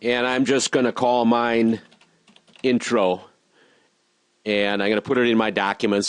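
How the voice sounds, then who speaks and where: A man teaching robotics in a screen-recorded software tutorial, walking through each step patiently and repeating reminders. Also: mid-range voice, dry recording.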